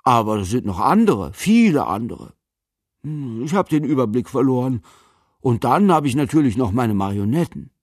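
Man reading as gentle whimsical old man, lonely, teasing, musing, lively swings, dry sound. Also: medium pitch, moderate pace, no echo. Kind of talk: audiobook character voice.

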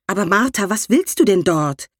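A woman's voice: medium pitch, animated, normal speed, dry recording, clean studio sound, close to an everyday voice. A woman voicing a flustered young mother who talks hesitantly and tries to placate her aunt. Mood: baffled.

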